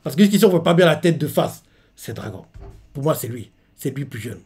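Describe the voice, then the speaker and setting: A man's voice: a little high, expressive, brisk, dark tone, husky, soft background music. A man reading a manga chapter live and reacting in a chatty way, full of fillers and speculation.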